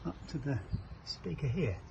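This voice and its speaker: This boat fitting shop's how-to presenter has a somewhat high, expressive voice with vocal fry and speaks at normal speed while doing an informal DIY walkthrough on a small cabin motorboat. He sometimes falters, feeling for words as he works, on dull lo-fi camera sound with faint noise.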